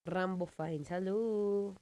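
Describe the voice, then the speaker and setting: A woman in her twenties with a Filipino accent and a deep voice, hosting a live radio show and chatting playfully with listeners. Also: slow, dark tone, no room sound. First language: Tagalog. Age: 20s. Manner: playful, teasing, laughs often. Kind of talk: live radio chat reading comments. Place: radio studio.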